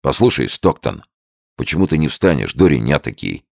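A man's voice: rumbling low, big pitch swings, moderate pace, gravelly, dry recording, clean studio sound, exaggerated voice. A man voicing a blunt young soldier who talks with dismissive scorn. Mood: scornful. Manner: muttering, dismissive.

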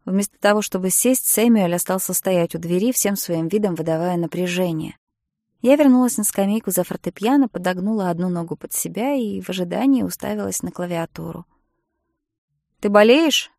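A woman reading an audiobook in the first person, expressive, moving between hushed and loud passages, close to the mic. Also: lowish voice, fairly quick, vocal fry, no room sound. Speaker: audiobook narrator. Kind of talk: scripted narration.

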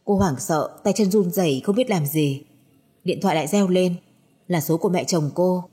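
A woman narrating a spoken audio story in an even storytelling delivery. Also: fairly low pitch, moderate pace, slightly rough.

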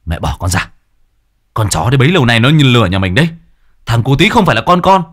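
A man's voice: very deep voice, animated, racing, a little mellow, husky, no echo, pitched below the performer's own voice, heavily acted. Male reader as betrayed husband, furious outbursts, dry audio-story recording. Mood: enraged. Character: bitter betrayed young husband, angry.

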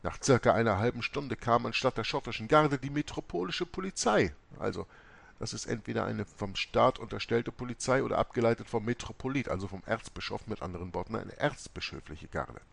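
A man reading a first-person memoir aloud, telling it in a dramatic, expressive way. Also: mid-range voice, fairly quick, vocal fry. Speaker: audiobook reader.

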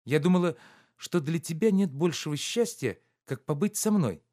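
Male reader doing a lively, teasing young woman for a storybook, raised voice, bouncy. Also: on the high side, moderate pace, voice pushed up, close to an everyday voice. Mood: playful. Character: playful, teasing young woman, carefree and coy.

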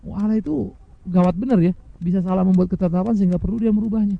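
A man preaching a sermon, addressing his listeners directly, swinging between loud emphatic highs and soft, hushed lows and acting out quoted speakers. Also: fast talker, vocal fry, no echo, narrow, tinny audio. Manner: mimics imagined speakers in quoted asides. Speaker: pastor.

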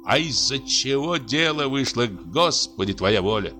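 A man's voice: medium pitch, animated, measured pace, bright, forceful tone, soft background music, voice pushed up. A man voicing a pious, frightened forest warden in a read-aloud story, plaintive and sighing. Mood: fearful.

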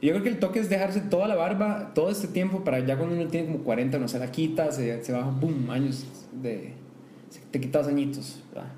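A man's voice: on the high side, fairly quick, warm tone. A Costa Rican man, a guest on a casual interview, laid-back and dry, giving brief replies. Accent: Costa Rican Spanish. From Costa Rica. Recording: echoey room with faint noise.

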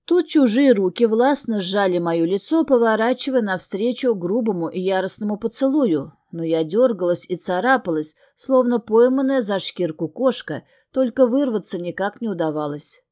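A woman's voice: mid-range voice, expressive, normal speed, hardly any pauses, darkish tone. Woman, audiobook narrator, first-person novel reading, earnest, emotional, mid-range voice.

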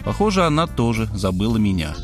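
A man narrating an audiobook in the first person with expressive storytelling. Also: on the low side, fast talker, loud music behind the voice.

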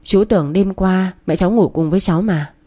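A woman's voice: on the low side, fairly quick, warm tone, no echo, lightly acted. A woman voicing a concerned adult man who speaks plainly and in a hurry.

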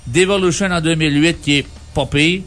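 A man's voice: on the high side, a little fast, fairly bright tone. A man with a Quebec French accent co-hosting a music show, reviewing albums casually with an informal, wry, joking manner.

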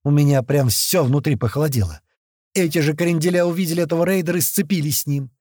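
A man narrating an action novel as an audiobook, reading in a lively, animated way. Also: on the high side, fast, no echo, clean studio sound.

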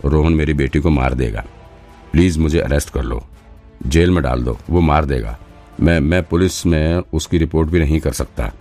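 A man's voice: rumbling low, normal speed, dark tone, faint music behind. A man doing a stammering, desperate suspect. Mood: pleading. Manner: stammering, pleading. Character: nervous, desperate male suspect, a frightened father.

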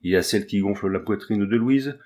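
A man narrating a classic children's story aloud in a measured, expressive reading. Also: lowish voice. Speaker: audiobook reader.

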